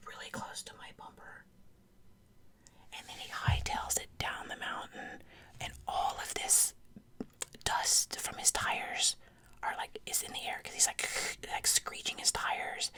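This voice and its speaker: A woman's voice: unhurried, sharp tone. Woman whispering close in the ear, ASMR. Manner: chatty, informal, conversational asides. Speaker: ASMR creator telling personal stories. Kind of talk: whispered ASMR storytelling, casual. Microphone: close ear-to-ear ASMR microphone.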